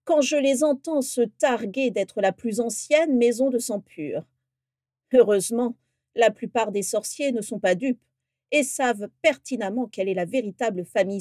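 A woman's voice: mid-range voice, warm tone, dry recording, studio quality, lightly acted. Abraxas, a woman voicing a mocking aristocratic wizard. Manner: mocking, gloating. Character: haughty scheming aristocratic wizard, man.

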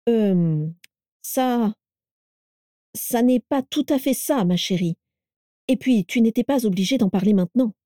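A woman's voice: medium pitch, a little fast, mellow, no room sound, clean studio sound, lightly acted. A woman voicing a timid, flustered grown son who stammers and pleads. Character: timid, flustered grown son caught between wife and mother.

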